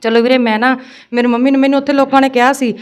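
Punjabi woman guest, quick earnest storytelling, smooth clear voice. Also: sits high, flat delivery. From Punjab, India. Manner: fast, earnest storytelling, often addressing the host as brother. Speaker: interview guest recounting work abroad. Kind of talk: emotional personal account in casual Punjabi.

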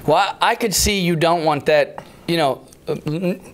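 A man's voice: a little high, normal speed, slight background noise. A young man co-hosting a casual podcast chat, joking and teasing. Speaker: co-host.

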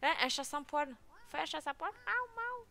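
A woman's voice: sits high, fairly even intonation, fairly quick, gravelly, sharp tone. A woman giggling and chatting casually as she comments on her game, now and then meowing playfully. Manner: giggly, chatty, exclaims often; plays with cute meows. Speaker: let's play gamer.

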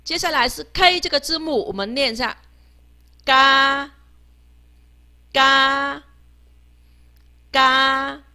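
A woman teaching a beginner language lesson, patiently sounding out each letter slowly, three times over, and ending her phrases with a soft "ha". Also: high voice, lively intonation. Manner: ends phrases with a soft "ha" tag.

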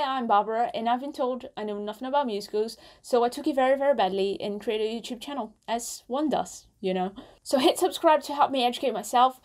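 A young woman doing casual reaction commentary for her channel, playful and self-mocking, with quick asides. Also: on the high side, a little mellow. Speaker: musical reaction vlogger.

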